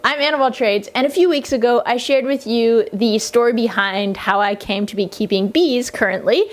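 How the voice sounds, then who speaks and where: A woman's voice: fairly high pitch, moderate pace, reverberant. A woman vlogger giving a casual, upbeat how-to demonstration, explaining each step. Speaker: homesteading vlogger.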